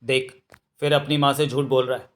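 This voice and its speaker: A man's voice: medium pitch, little pitch movement, moderate pace, close to an everyday voice. A man voicing an anxious village mother who scolds her son, in a storybook reading. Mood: scolding.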